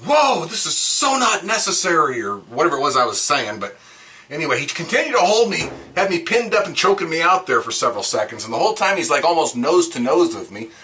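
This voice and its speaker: A man speaks straight to a camera set up in his own house, telling what happened in a plain, earnest way and leaning on fillers. His voice is bright and sits a little high for a man. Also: sing-song, fast talker. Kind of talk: personal account to camera. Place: inside a house. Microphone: camera set up in the room.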